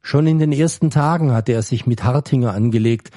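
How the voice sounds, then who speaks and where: A man reading a story aloud in a calm, measured way. His voice is mellow and warm, of middle pitch. The recording is dry, with no room sound. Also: no room sound. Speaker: story reader. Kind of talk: scripted narration.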